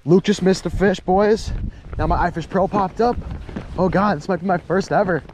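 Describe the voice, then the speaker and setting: Young male vlog host, upbeat and chatty, fairly high voice, talking to an action cam. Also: normal speed, darkish tone, a little hiss or hum, rough recording. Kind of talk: casual outdoor vlog narration. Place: ice fishing shelter and open frozen lake, later a home kitchen. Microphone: handheld or body-worn action camera.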